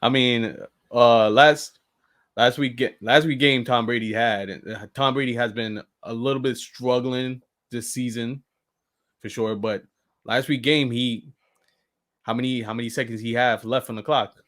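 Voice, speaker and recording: A man co-hosting a casual sports podcast, speaking haltingly with frequent restarts and loose grammar. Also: medium pitch, fairly even intonation, a bit bright. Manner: halting, restarts phrases, non-standard grammar.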